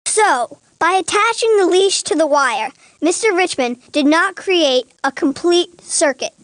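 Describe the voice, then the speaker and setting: In a cartoon, a woman voices an earnest young boy who assists a lawyer, asking eager, methodical questions in animated educational courtroom dialogue. Her voice is very high and expressive, a little slow, with no echo.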